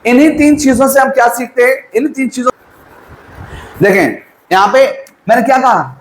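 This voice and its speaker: Guy teaching a class, keeps asking questions n answering them himself, high voice, echoey room. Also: lively intonation, brisk. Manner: quizzes students, answers his own questions; mixes Hindi with English terms. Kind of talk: classroom lecture.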